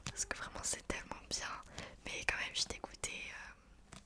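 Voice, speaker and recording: A woman speaking in a soft, breathy library whisper, chatting informally in an ASMR book review style. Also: moderate pace.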